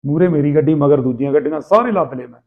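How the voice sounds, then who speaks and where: A man with a Malwai Punjabi accent casually telling anecdotes in rough, earthy, animated banter, acting out people's dialogue. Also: fairly high pitch, fast. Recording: tinny, phone-like narrow sound.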